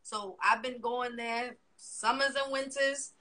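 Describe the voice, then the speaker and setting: Taking it slowly in a slightly high voice, a young woman from Miami, Florida, talks as a guest in a relaxed interview. Spanish is her first language and she has a New York accent, and she gets animated, swears, and acts out quotes.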